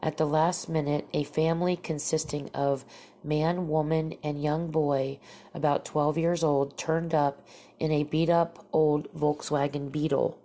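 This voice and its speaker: Speaking in a deep, dark voice with a flat delivery and measured pace, a woman hosts a podcast and tells encounter stories casually. Allergies make her sound stuffy and nasal, and her telling wanders, full of fillers and false starts.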